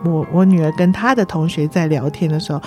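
A middle-aged woman with a Taiwanese Mandarin accent, a nursing director guesting on a podcast, telling lively stories, acting out dialogue and laughing often. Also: deep voice, fast, soft background music. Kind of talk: podcast interview.

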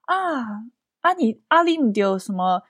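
A tactless old grandmother with a Taiwanese Mandarin accent, halting and loud as she hunts for the right word. Her voice sits high and leaps around, a woman acting her out in a dry, close sound. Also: very animated, dry recording, exaggerated voice. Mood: loud blurting. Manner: loud, halting, searching for words. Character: blunt tactless old grandmother blurting loudly.

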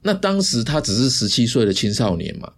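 A man, hosting a podcast and telling a story in a casual, explanatory way with lively asides. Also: mid-range voice. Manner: chatty, drawn-out sentence endings, lively asides. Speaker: podcast host.

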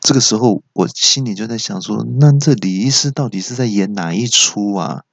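A man, a podcast host telling a comic story in an animated, chatty way. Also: fairly low pitch, normal speed, vocal fry, dry recording. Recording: dull lo-fi podcast audio.

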